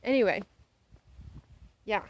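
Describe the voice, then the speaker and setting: A young adult American woman vlogs while walking outside, chatting casually at a slow pace. She rambles, exaggerates playfully, and gets sidetracked easily. The recording is dry and lo-fi.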